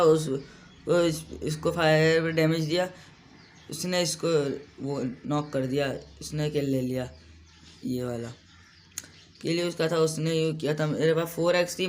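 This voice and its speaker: A young man giving casual, rambling commentary over his own mobile shooter gameplay, often poking fun at his own mistakes. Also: fairly high pitch. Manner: chatty, rambling, self-deprecating. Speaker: gaming YouTuber.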